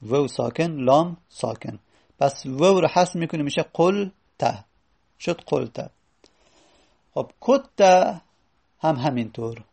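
A man teaching a grammar lesson, explaining each step and repeating words slowly and drawn out. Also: mid-range voice, animated, gravelly, a little mellow, husky. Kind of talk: classroom lesson.

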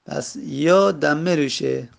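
Gravelly-voiced man teaching slowly. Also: fairly high pitch. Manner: slow, repetitive, drawing out example words. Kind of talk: Arabic grammar lesson in Persian.

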